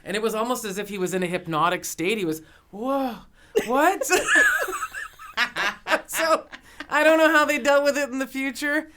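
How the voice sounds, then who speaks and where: A woman's voice: fairly high pitch, moderate pace, heavy background noise. A woman co-hosting a pop culture podcast, telling stories in casual chat with frequent laughter. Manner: laughing storyteller, lively. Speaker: podcast co-host.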